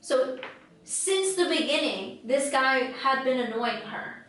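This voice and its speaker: Chatty woman podcaster, high voice, says like a lot, mic far away in a really echoey room. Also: animated, slow, a bit bright. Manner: chatty, rambling, many "like" fillers. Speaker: podcast co-host. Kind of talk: casual chat.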